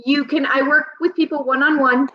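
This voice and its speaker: A woman in her thirties, a health and nutrition coach talking as a guest in a relaxed interview, reflective and rambling with frequent ums. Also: sits high, normal speed. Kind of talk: casual conversational interview. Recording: slightly dull, lo-fi sound.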